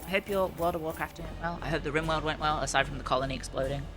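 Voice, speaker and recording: A woman's voice: deep voice, racing. A woman doing casual live stream commentary on a game, chatty and reacting aloud with exclamations. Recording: music behind the voice. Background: game music.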